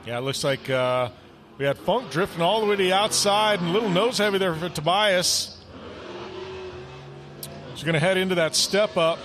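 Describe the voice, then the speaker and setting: High-voiced man calling a race. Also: normal speed, pauses often, background noise. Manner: excitable, rises sharply during close racing. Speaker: play-by-play commentator. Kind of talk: live race commentary.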